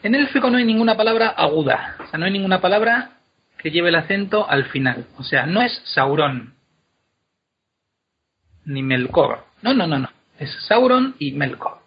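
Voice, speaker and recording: Animated man with a husky voice. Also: high-pitched. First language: Spanish. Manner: animated teacher, repeats words slowly to demonstrate. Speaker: guest explaining Elvish pronunciation. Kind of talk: casual explanatory chat. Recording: dull lo-fi podcast recording.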